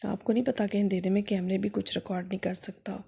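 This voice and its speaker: A worried female house maid, voiced by a woman in a storybook tale. She whispers her secrets in a confiding, pleading way. Her voice is husky and mellow, with a gravelly grain. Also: medium pitch, steady tone.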